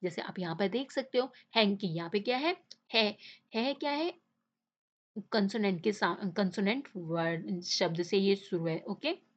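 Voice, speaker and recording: A woman's voice: mid-range voice, unhurried. A woman teacher explaining a children's English lesson in Hindi, often stopping to ask the class questions and to check with "okay?". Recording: dull lo-fi sound.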